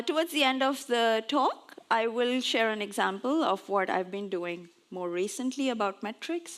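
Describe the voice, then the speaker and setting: On stage before an audience, a Pakistani-born woman in her forties gives a conference talk in a chatty, lightly self-mocking way. Her voice is medium-pitched and a bit bright.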